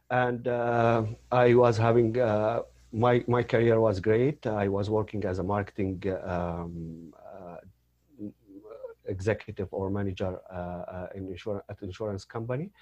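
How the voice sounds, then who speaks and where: A man's voice: on the low side, a little mellow, lo-fi sound. A man from Syria, telling his story as a guest, hesitant with many fillers and restarts. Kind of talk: personal story in an interview.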